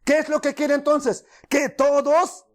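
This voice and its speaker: A Bible teacher giving a study, asking rhetorical questions and slowing down to pronounce Hebrew words. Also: sits high, flat delivery. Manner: asks rhetorical questions and answers them.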